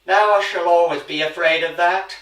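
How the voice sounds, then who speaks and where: A man playing a weary, haunted older man, speaking slowly and quietly, recorded in a roomy space off mic. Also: high voice, steady tone. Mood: troubled. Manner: slow, quiet, deliberate and troubled. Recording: roomy echo, distant mic.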